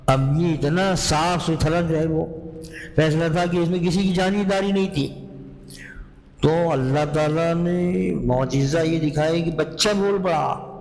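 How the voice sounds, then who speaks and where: A man who is a mufti, giving a Quran lesson as slow, explanatory storytelling with rhetorical questions. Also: fairly high pitch, a little mellow. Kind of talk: Urdu Quran lecture. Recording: long hall reverb.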